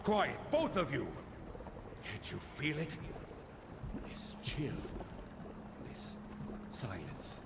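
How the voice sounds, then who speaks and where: A man's voice: mid-range voice, big pitch swings, exaggerated voice. Tired old ghost man, cavernous echo. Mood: indignant, stern. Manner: slow, solemn, reproachful. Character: tired old male ghost of a dwarven fortress, grave and aggrieved. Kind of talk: dramatic video game acting. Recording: echoing cavernous reverb, clear background noise.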